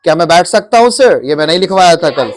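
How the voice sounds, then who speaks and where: A man's voice: on the high side, animated, quick pace. A man teaching English phrases in a classroom, coaxing and repeating questions to his students.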